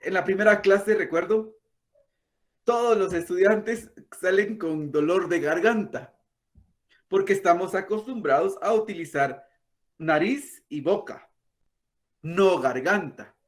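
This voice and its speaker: A man, a language teacher patiently explaining and softly demonstrating throaty sounds. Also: high-pitched, slow pace, long pauses. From Guatemala. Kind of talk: explanatory talk.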